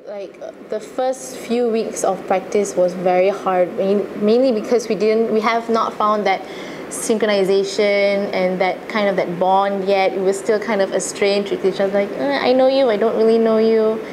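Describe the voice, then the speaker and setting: In a casual interview, an earnest, chatty young woman with a Malaysian accent shares memories of her own experiences. Her medium-pitched voice holds fairly even intonation at normal speed with few pauses, and the clip carries noticeable ambient noise.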